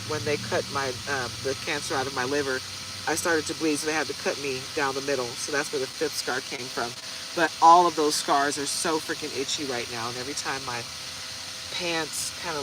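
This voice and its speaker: A tarot card reader in her forties chats casually and directly to her viewers in a tarot reading vlog. Her voice sits low, and the background is noisy.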